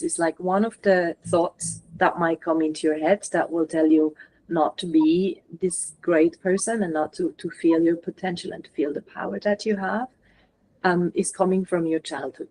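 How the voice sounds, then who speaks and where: A woman channeler guiding a participant through a session, talking gently and coaching, often filling in with "like". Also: fairly low pitch, poor audio.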